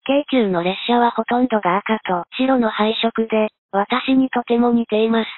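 A woman's voice: a little high, steady tone, normal speed, no room sound, narrow, tinny audio. A woman reading scripted narration for a travel vlog. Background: loud music.

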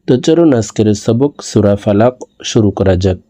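A man teaching Quran reading, spelling out each letter slowly and then chanting the verses long and drawn out. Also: lowish voice, expressive, dark tone. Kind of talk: recitation lesson.

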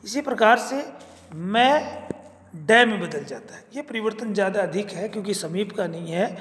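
A man giving an academic lecture, speaking deliberately and repeating each example word. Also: sits high, expressive, a bit bright, slight background noise. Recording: echoey room, long reverb.

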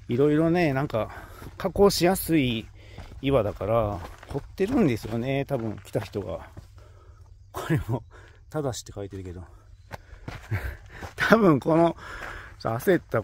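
A man's voice: mid-range voice, a little mellow, slight background noise. A man with a Kansai accent narrating his own hike in a casual travel vlog, chatty and full of exclamations as he talks to himself, filmed outdoors on a handheld phone. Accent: Kansai Japanese. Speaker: travel vlogger. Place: outdoors on a rocky hillside. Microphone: handheld smartphone.

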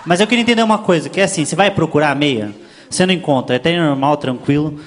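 A man with a Brazilian accent performing a stand-up routine, telling stories in an animated way and imitating voices. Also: a little high, racing. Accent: Brazilian Portuguese. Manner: animated storytelling, frequent voice imitations. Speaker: stand-up comedian. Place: comedy stage before a live audience. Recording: live show, crowd laughter and noise.

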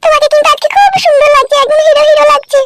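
Woman doing a squeaky doting cartoon wife. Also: steady tone, rapid-fire, very noisy. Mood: cooing. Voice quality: very high, girlish. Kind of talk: comic cartoon dubbing. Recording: background music.

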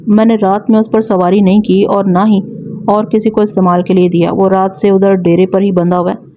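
A scared village man protests and begs that he is telling the truth, voiced by a woman reader. The tone is mellow and unforced, in a plain storybook reading. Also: mid-range voice, flat delivery, natural voice. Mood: pleading. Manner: pleading, protesting. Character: pleading frightened male village suspect.

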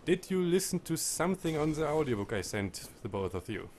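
A man playing a hard game while chatting, prone to loud frustrated outbursts. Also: on the high side, very animated, fairly quick. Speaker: player of the game. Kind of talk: casual gaming chat.

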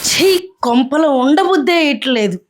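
An actress playing an angry young wife in a shouting quarrel with her husband. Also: sits high, animated, normal speed. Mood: bitter. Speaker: actor. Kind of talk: Telugu short film acting.

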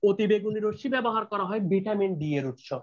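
A man's voice: sits high, fast talker, lo-fi sound. A young man teaching a chemistry class online, repeating key points and often checking that his students are keeping up.

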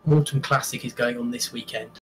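A young man chats loosely on a voice call, trailing off and hesitating as he talks. His mic keeps cutting in and out, so his volume is uneven. His voice sits at a middle pitch, with faint noise behind it. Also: fairly even intonation, brisk. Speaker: university motorsport team member. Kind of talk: casual chat on a livestream call. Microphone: headset or desk mic on a voice call, partly blocked.

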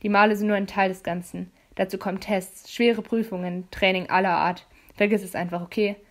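A condescending teenage boy demon hunter, put on by a woman narrator in a storybook reading. He sounds lower and punchier than her normal voice, smug and curt. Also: fairly even intonation, fairly quick, close to an everyday voice. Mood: curt, irritated.

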